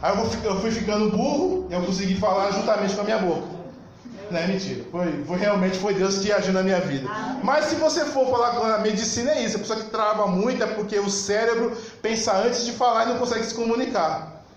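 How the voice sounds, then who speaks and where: A man with a Brazilian Portuguese accent preaching a sermon in a church, talking fast and emphatically and rising at times to shouts. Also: sits high. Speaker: pastor. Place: church hall. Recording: echoey church hall.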